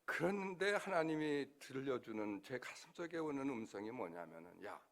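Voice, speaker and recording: A man's voice: medium pitch, very animated, normal speed. An older man, a pastor, preaching an emotional sermon in church, acting out his prayers and his dialogue with God. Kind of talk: sermon testimony. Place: church sanctuary.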